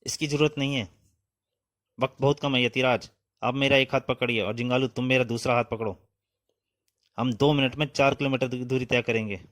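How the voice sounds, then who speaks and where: A man voicing a brave, quick-thinking young male hero in a comic storybook reading, speaking urgently and decisively. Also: medium pitch, fairly even intonation, a bit bright, natural voice. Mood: earnest.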